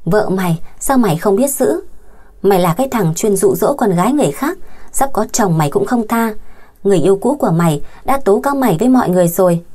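Brief: woman reading as a hot-headed protective boyfriend in a storybook, rough and quick, mellow tone. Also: mid-range voice, animated, natural voice. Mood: furious. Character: furious, protective young boyfriend.

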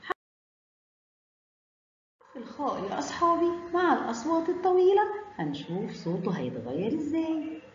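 A woman's voice: high voice, big pitch swings, moderate pace, pauses often, a little hiss or hum. A woman with an Egyptian Arabic accent teaching children the alphabet, stretching out each letter sound in a sing-song way. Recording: echoey room, dull lo-fi sound.

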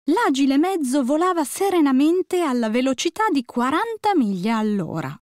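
A woman narrating a musical tale for concert band in a clear, measured storytelling voice. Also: high-pitched, sing-song, a little mellow, dry recording. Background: faint concert band music.

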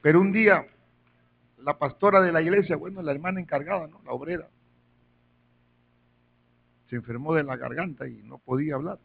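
A man preaching in a church, his voice pitched a little high with a gravelly edge. He tells stories in low asides, then climbs to loud calls for praise. The recording is muffled and lo-fi. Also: a little fast, pauses often. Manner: storytelling, swings from quiet asides to shouted praise calls. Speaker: pastor. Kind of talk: sermon.

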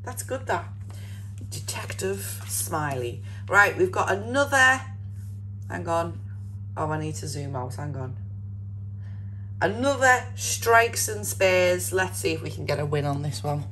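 A woman's voice: on the low side, expressive, a little slow, a bit bright, a little hiss or hum, low-quality recording. A woman giving casual, chatty commentary, thinking aloud as she hosts a video of herself playing. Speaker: host of a scratch card video.

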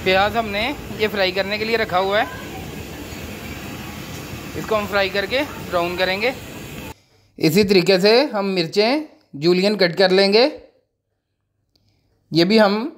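Man calmly narrating a noisy outdoor cooking demo. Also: sits high, a little slow, pauses often. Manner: calm step-by-step explaining. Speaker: cooking channel host.

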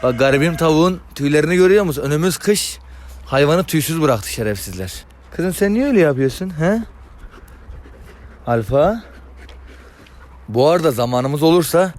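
A young man with a slightly high voice chats casually to his viewers outdoors, breaking off to give his dogs short commands. Dogs can be heard in the background. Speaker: dog owner and vlogger. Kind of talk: casual outdoor vlog commentary.

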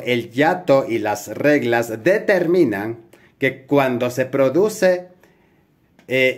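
A man from Ecuador, a spelling teacher, explaining grammar rules step by step in a video tutorial and checking in with the viewer as he goes. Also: mid-range voice.

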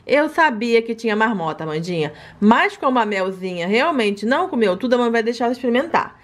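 A woman's voice: fairly high pitch, lively intonation, brisk. A woman playing a patient, teasing mother while feeding her dolls. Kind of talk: children's doll play narration.

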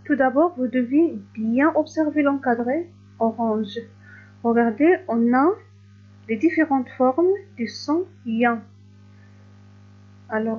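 A woman teaching a recorded reading lesson to young pupils, stretching each word slowly and clearly with patient encouragement. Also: high-pitched, highs cut off. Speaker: primary school teacher.

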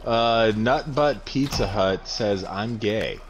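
A man playing a shooter game with a friend, excitable and swearing, laughing and yelling callouts. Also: fairly low pitch, slow pace. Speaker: video game player. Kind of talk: casual gameplay banter. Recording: loud gunfire and game noise behind.

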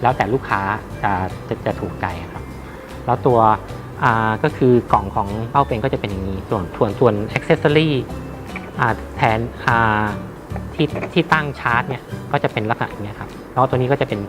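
A man giving an informal product demonstration as a seller, haltingly, with many repeats and hesitations. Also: medium pitch, music in the background. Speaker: radio equipment seller.

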